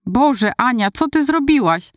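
Woman doing a shrill furious teen teammate. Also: expressive, unhurried, no room sound, clean studio sound. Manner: shrill, accusing outburst. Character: furious teenage girl relay teammate.

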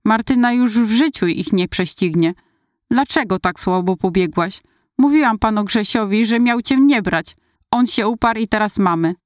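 A woman voicing a furious teenage girl on a relay team, with a shrill, accusing outburst. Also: moderate pace, no room sound, studio quality, natural voice.

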